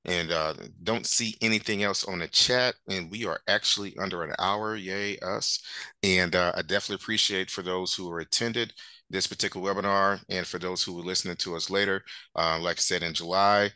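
A man's voice: deep voice, fairly even intonation, fairly quick, sharp tone, smooth, no room sound. A man hosting a webinar over a video call, rambling loosely with many fillers. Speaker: webinar host. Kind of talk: casual webinar talk.

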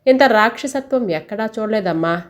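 A woman's voice: medium pitch, lively intonation, normal speed, natural voice. A woman reading a story aloud and voicing an old milkman who speaks bluntly and indignantly. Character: old milkman, outspoken and sympathetic.

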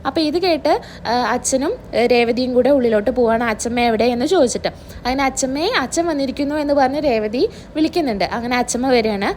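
A woman with a high voice walks through a serial episode scene by scene. She quotes each character's lines in her own casual telling, with a faint hiss of background noise. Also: darkish tone. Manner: retells scenes line by line, quoting the characters' dialogue; fills pauses with drawn-out "aa". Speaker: serial review vlogger.

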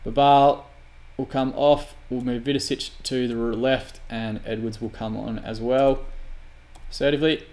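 A man's voice: medium pitch, fairly even intonation, a little slow, darkish tone. Male gamer, casual commentary over a football sim, swears and vents often. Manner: frustrated, sweary, exasperated outbursts. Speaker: gaming YouTuber. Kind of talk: football manager game commentary.

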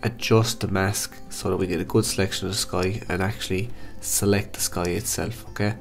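A man with a blocked-up, nasal voice from hay fever, calmly talking through a software photo-editing tutorial step by step. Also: deep voice, brisk, creaky, soft background music. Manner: calm step-by-step instructions. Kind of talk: screen-recorded software tutorial.

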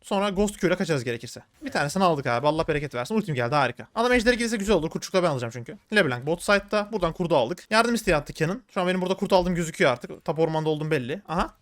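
A man giving live commentary on his own gameplay, talking to viewers in an excitable, slangy way. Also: on the high side, very fast, few pauses. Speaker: gaming streamer.

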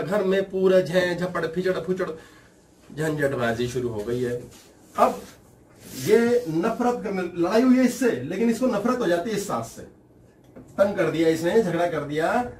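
A man giving a motivational talk, telling a household story with lively, quick mimicking voices. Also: fairly high pitch, far from the mic, a little hiss or hum. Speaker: motivational speaker.

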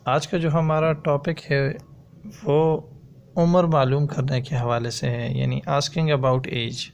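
A man teaching a language lesson, slowly repeating each word and phrase as he drills it. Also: medium pitch, fairly even intonation, gravelly, dull audio, slight background noise. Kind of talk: slow, repetitive language lesson. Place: voice-over on a slide video.

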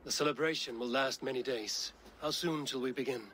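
A steady Viking warrior and trusted counsellor, acted by a man for a video game. He speaks in measured, formal phrases at a middling pitch, with faint ambient sound behind him. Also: slight background noise, lightly acted. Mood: solemn, measured. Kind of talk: video game dramatic acting.

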